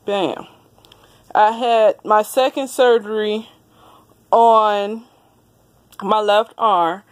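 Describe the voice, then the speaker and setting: A woman's voice: medium pitch, steady tone, very slow. A woman in her thirties chatting casually to her viewers in a vlog, laughing often, recorded on a phone held close in a small room. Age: 30s. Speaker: vlogger. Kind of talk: casual chat to camera. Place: small indoor room with wood panelling. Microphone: phone camera held close.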